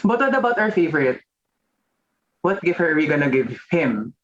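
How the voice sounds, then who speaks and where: A man's voice: on the high side, sing-song, moderate pace. A man performing an improvised comedy scene on stage in conversational dialogue. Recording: muffled, slightly noisy stage recording.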